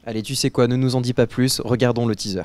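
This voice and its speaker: A man's voice: mid-range voice, flat delivery, fast, loud music behind the voice. A man with a French accent from France, hosting a casual talk show. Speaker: host.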